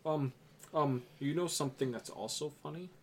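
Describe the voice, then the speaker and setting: A young man co-hosting a casual podcast chat, rambling with lots of "um" and "yeah" and making deadpan jokes. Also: on the high side, moderate pace, slight background noise. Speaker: podcast co-host.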